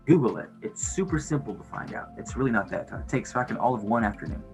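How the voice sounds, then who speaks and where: A man's voice: mid-range voice, expressive, fast talker. Laid-back, slangy man chatting over music. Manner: slangy, swearing, laid-back stoner talk. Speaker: livestream host chatting with viewers. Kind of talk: casual rambling chat.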